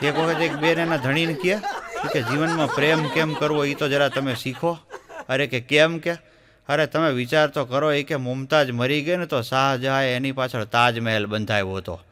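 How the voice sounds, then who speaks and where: A man's voice: medium pitch, steady tone, moderate pace. A man with a Gujarati accent telling jokes in a folksy storytelling style, acting out the voices of the people in them. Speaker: stand-up comedian.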